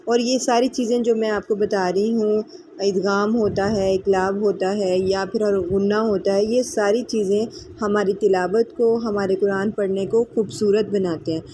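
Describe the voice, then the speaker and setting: A woman teaching tajweed, explaining the rules quickly and reciting verses slowly with long drawn-out vowels. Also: medium pitch, fairly even intonation, mellow, a little hiss or hum. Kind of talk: tajweed lesson.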